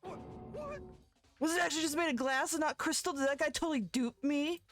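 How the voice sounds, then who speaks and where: A woman's voice: sits high, fairly quick, a bit bright, soft background music, voice pushed up. A twitchy, drawling surfer-type fortune teller yelps in a voice pushed far above its natural register, as a woman puts him on. His whiny, dopey delivery wobbles between laid-back and panicked. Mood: baffled. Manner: drawling, frantic Shaggy-like whine.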